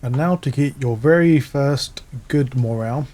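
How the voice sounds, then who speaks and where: A man's voice: medium pitch, a little slow. A man talking viewers through a game walkthrough step by step, explaining where to find items. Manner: instructive, step-by-step, steady. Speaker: gaming guide narrator. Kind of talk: walkthrough commentary.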